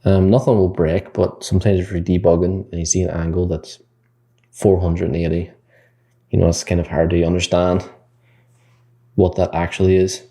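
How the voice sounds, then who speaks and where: A man's voice: sits low, flat delivery, normal speed, pauses often, warm tone. A man teaching game development in a screen-recorded coding tutorial. He explains the code step by step, thinks aloud and corrects himself mid-sentence.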